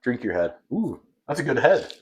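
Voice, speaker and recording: A man's voice: medium pitch, sing-song, moderate pace. Male bartender, co-host, easygoing, playful, casual chat.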